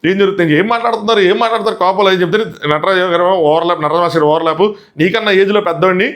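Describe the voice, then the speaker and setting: A man giving a casual commentary recap as a show reviewer, retelling fast and acting out quotes. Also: high-pitched, fairly even intonation, fairly bright tone.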